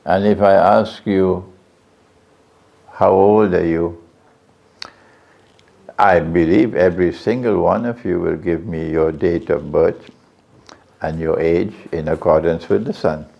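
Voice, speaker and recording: This Islamic preacher speaks slowly in a low, creaky voice with a steady tone, pausing often as he lectures a live audience on religion. He questions those listening and repeats key phrases. The audio, recorded at the lecture venue, is dull and lo-fi.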